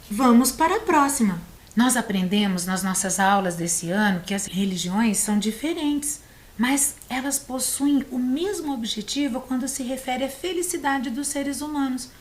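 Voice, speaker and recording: A Brazilian woman teacher giving a video lesson to young children, patient and encouraging, sounding out words slowly. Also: fairly high pitch. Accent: Brazilian Portuguese. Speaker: primary school teacher. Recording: echoey room.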